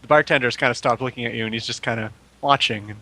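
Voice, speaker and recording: A man's voice: medium pitch, quick pace, sharp tone, no room sound, rough recording. A man running a tabletop game as game master, narrating with a laugh and stammering restarts.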